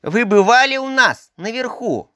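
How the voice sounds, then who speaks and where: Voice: lively intonation, measured pace, bright, forceful tone, no room sound, studio quality. A reader voicing a small boy stuck under the sea, frightened yet trying to act bold, in a storybook reading. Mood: boyish, nervous. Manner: higher, childish pitch.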